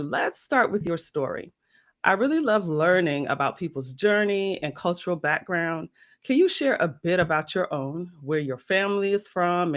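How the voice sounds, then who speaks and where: A woman hosting an interview, speaking earnestly and effusively about a church gala and her guest. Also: on the low side. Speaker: interview host. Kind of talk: hosted interview.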